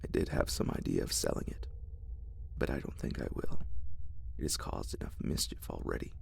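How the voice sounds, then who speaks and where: A man voicing a grave, solemn old soldier in a low, gruff whisper. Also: lively intonation, moderate pace, a little mellow, slight background noise, full character voice. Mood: somber.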